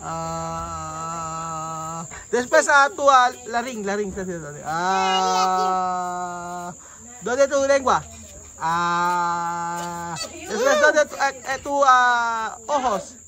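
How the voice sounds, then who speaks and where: A man's voice: extremely high pitch, sing-song, unhurried, bright, forceful tone. A man from the Philippines vlogging casually, teasing and joking with local children and mixing in simple Spanish. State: out of breath. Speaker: travel vlogger.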